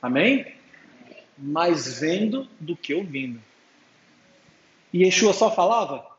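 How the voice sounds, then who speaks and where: A man's voice: a little high, expressive, slow pace. Echoey man preaching a sermon. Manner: calls out to the congregation with frequent amens; acts out dialogues with his daughter. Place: church hall with an audience. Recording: echoey hall, dull sound, faint hum.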